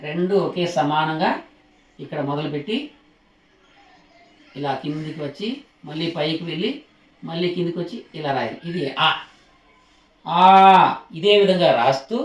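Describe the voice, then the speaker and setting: A male teacher giving a slow alphabet lesson, patiently repeating each sound and stopping to ask his learners questions while he writes. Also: fairly high pitch. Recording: roomy echo.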